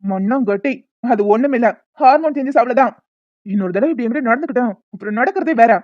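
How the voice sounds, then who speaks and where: A woman voicing a stern young man who scolds a girl, speaking gruffly in an audio drama. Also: on the high side, expressive, quick pace, no echo, close to an everyday voice. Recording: dry, dull lo-fi mic.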